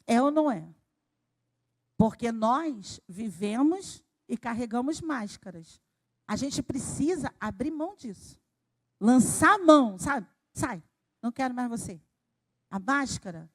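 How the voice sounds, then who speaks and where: A woman from Brazil preaching a sermon at a church service, talking in an animated way that swells to emphasis and then drops low. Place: church sanctuary.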